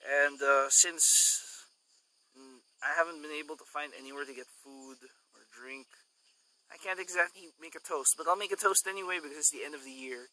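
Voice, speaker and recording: A man's voice: moderate pace, pushed and bright, rough recording. A man vlogging outdoors at a sunny resort in the morning, chatting in a loose, rambling way, with insects chirping behind him. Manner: rambling, chatty, coaxes a dog in a high voice. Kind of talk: casual outdoor vlog. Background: insects and crickets.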